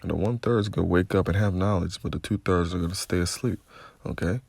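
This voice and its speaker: A man's voice: deep voice, quick pace, vocal fry, a little mellow, no echo. A man giving a confrontational, profane religious rant, constantly repeating "okay?" as he preaches. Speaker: religious commentator.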